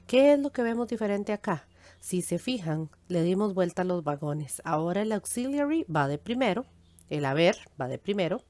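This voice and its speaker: A woman's voice: medium pitch, darkish tone. Patient woman teaching English grammar. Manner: patient, explains step by step, repeats examples slowly; switches between Spanish and English, speaking English slowly. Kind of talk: recorded grammar lesson.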